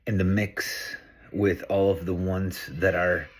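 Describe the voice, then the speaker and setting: Man, from Peru, deep low voice, middle-aged, earnest, reflective, casual solo vlog. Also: flat delivery, takes it slowly, a little hiss or hum. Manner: earnest, reflective, thinking aloud. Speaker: vlogger. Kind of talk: casual monologue to camera.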